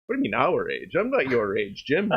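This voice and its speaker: Canadian dude doing baseball play by play, laid back, kinda muffled stream audio. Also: male voice, medium pitch, wildly swooping pitch, fairly quick, slightly rough. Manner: chatty, self-deprecating, laughs easily. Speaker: play-by-play commentator. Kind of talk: baseball commentary.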